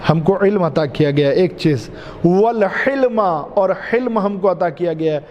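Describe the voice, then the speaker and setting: A man's voice: high voice, darkish tone, highs cut off, slight background noise. Male cleric, emphatic repetitive preaching, long hall reverb with faint background ambience. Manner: repeats key phrases, drawn-out emphatic delivery; addresses listeners as dear ones. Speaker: Shia cleric giving a majlis sermon. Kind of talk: Urdu majlis sermon. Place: mosque.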